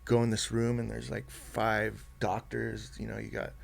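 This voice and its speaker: A man, a podcast guest telling a personal story softly and haltingly, with many fillers and restarts. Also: fairly low pitch, monotone, gravelly.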